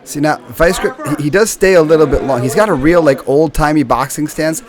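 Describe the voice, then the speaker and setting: A man's voice: on the high side, a little fast, a crowd in the background. A middle-aged man giving casual, joking fight commentary in colloquial language with a co-host.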